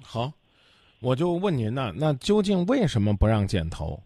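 A man's voice: medium pitch, huge pitch swings, normal speed, mellow, no room sound. A man hosting a radio call-in show, asking direct questions and steering the caller. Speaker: radio advice host.

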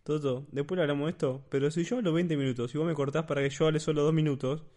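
A man chats on a casual podcast among friends. His voice sits somewhat high. He delivers wry, self-mocking jokes. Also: fairly even intonation, quick pace, mellow. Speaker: podcast co-host.

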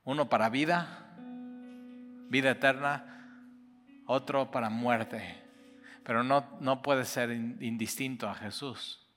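Man preaching, bright forceful voice, long hall reverb over soft guitar. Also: mid-range voice, slow, long pauses. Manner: impassioned, swings from loud to hushed. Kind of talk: sermon.

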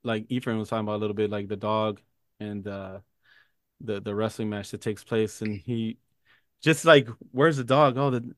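A man's voice: on the low side, steady tone, normal speed, no room sound, clean studio sound. A man co-hosting a movie podcast, rambling through casual chat with lots of fillers and casual swearing. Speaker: podcast co-host.

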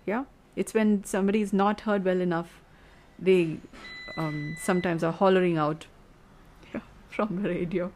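A woman's voice: fairly low pitch, fairly even intonation, moderate pace, darkish tone, slight background noise. A woman hosting a reflective solo monologue, wandering through her thoughts, searching for words and often ending a point with a questioning "yeah?". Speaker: podcast host.

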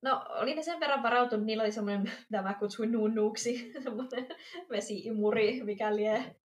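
A woman co-hosting a casual podcast chat, telling an everyday story in a lively way and acting out bits of dialogue. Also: a little high. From Finland. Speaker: podcast co-host. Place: lives in Amsterdam. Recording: roomy echo.

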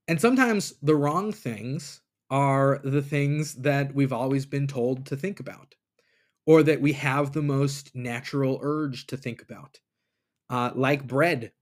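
A man hosting a podcast, thinking aloud in a casual, reflective monologue and retelling scripture in everyday words, recorded on a computer mic. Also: medium pitch. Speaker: podcast host. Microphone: computer mic, recording in a browser app.

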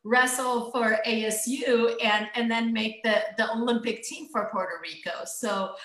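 A middle-aged woman tells a story from her past in a casual interview, bright-voiced and animated. She laughs often and acts out the people in it. The room is roomy and echoes. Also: fairly high pitch, a little slow. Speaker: guest.

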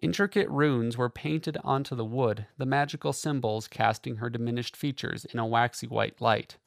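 Male audiobook narrator, gravelly, mid-pitched, dry close reading, measured. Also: no echo. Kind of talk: scripted fantasy novel narration.

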